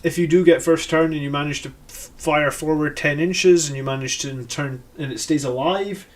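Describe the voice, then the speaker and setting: With a steady, somewhat high voice at normal speed, a Scottish live-stream host reviews army lists in casual commentary. He thinks out loud, using lots of fillers and correcting himself.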